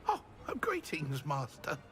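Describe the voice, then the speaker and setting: A man's voice: on the high side, huge pitch swings, slow, fairly bright tone, exaggerated voice. A man playing a timid, servile house-elf in a video game, hesitant and eagerly deferential to a master. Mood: nervous deference. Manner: hesitant, deferential, speaks of self in third person. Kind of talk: theatrical video game creature voice.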